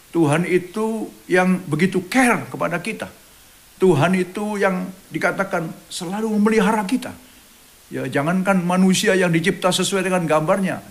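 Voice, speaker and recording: A man preaching a church sermon as pastor, his voice sitting a little high for a man. He reads verses in one language and then another, and drops a soft "ya" between phrases. When he quotes a character, his voice climbs in dramatic emphasis. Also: creaky. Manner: frequent filler "ya" between phrases. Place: church online service.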